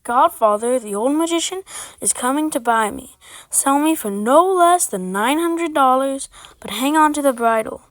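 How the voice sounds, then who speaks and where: High-voiced scheming little boy. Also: animated, moderate pace, fairly bright tone, dry recording. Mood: urgent instruction. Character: young shapeshifting boy, eager and scheming. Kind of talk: fireside folktale storytelling.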